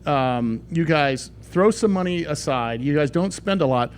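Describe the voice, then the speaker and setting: A middle-aged man hosting a radio talk show, rambling and lively, often restarting his sentences. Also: fairly high pitch, measured pace, a little hiss or hum.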